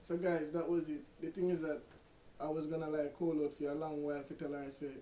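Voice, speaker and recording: A man's voice: fairly high pitch, level tone, fairly quick, warm tone, a little hiss or hum. A young man with a Jamaican accent, talking casually on a phone call and pleading and coaxing in turns. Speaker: prank vlogger. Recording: roomy echo.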